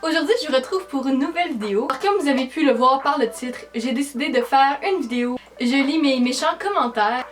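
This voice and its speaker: A woman's voice: high voice, brisk, few pauses. A teenage girl with a Québécois French accent, chatting casually in a vlog and answering comments with dry sarcasm. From Quebec, Canada. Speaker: YouTuber.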